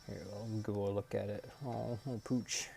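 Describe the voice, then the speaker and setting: Slow, gravelly-voiced male streamer. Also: fairly low pitch, level tone, mellow, soft background music. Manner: rambling, thinking aloud while he works; scat-beatboxes between remarks. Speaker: live streamer. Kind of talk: casual live-stream chat.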